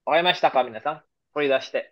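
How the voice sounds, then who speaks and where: A man's voice: medium pitch, rapid-fire. A man teaching an online grammar lesson. He explains patiently, keeps checking that his students understand, and mixes English and example sentences into his talk. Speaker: Japanese language teacher. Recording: dull lo-fi audio.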